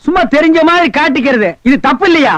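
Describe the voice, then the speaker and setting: An actor playing a sharp-tongued man who mocks and insults the beggars around him in a film comedy scene. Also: very high-pitched, fast, no room sound, muffled recording. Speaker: comic lead in a film scene.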